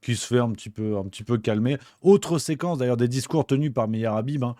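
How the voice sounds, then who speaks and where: A man's voice: medium pitch, fairly quick, mellow, no room sound, clean studio sound. A man hosting a show, chatting loosely about the news with lots of fillers and restarts. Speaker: host. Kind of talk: casual news commentary.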